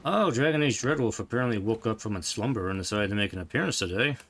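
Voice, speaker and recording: Brief: man, lowish voice, rambling gamer commentary, faint background hum. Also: expressive, fast talker, a bit bright. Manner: rambling, chatty, trails off mid-thought. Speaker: gameplay streamer. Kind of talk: casual gameplay commentary.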